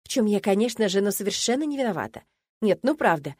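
A woman reads a fantasy audiobook in the first person. Her voice has a middle pitch and a wry, ironic edge. The recording is close and fully dry, with no room around it. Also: very animated, fast talker, darkish tone, slightly rough, no echo. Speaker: audiobook narrator.

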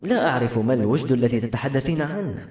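A man's voice: medium pitch, lively intonation, quick pace, darkish tone, natural voice. A man voicing an earnest young village man who speaks with hesitant wonder. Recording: roomy echo.

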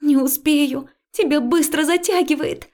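A woman's voice: sits high, unhurried, darkish tone, voice pushed up. A woman voicing a terrified young female friend who pleads and cries out, stubborn and sobbing. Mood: desperate.

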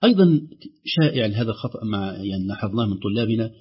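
A man teaching Quran recitation rules on a call-in show, explaining each rule and then reciting the examples slowly and drawn out. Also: on the low side, animated, breathy edge. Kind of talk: tajweed lesson on a call-in show. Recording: dull lo-fi broadcast sound.

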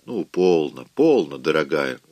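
A man's voice: fairly low pitch, expressive, moderate pace, fairly bright tone, dry recording. Rhett, a self-assured commanding man, read by a man. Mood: soothing. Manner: firm, commanding. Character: self-assured man, blunt then tender. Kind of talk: audiobook reading.

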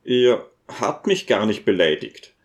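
A man's voice: lowish voice, big pitch swings, measured pace, dull audio. A man voicing a wary townsman who brushes questions aside.

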